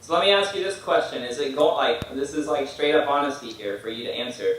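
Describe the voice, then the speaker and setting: A man's voice: medium pitch, fast talker, a bit bright, heavy reverb, recorded from a distance, slight background noise, poor audio. A man in a casual chat, asking direct questions and giving feedback.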